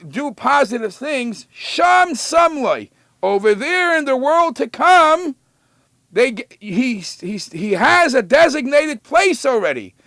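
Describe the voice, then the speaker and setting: Teaching Torah as a rabbi, this man speaks in a high, gravelly, creaky voice that sounds a bit bright, captured up close in a dry recording. He lingers emphatically over the scripture he quotes, then unpacks each verse conversationally.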